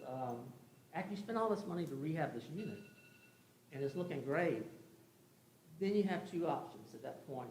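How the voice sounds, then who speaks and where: A man with a medium-pitched, slightly mellow voice gives a commission an informal, rambling presentation, explaining things in the folksy, conversational manner of a contractor. The indoor meeting room sounds echoey, with faint background noise.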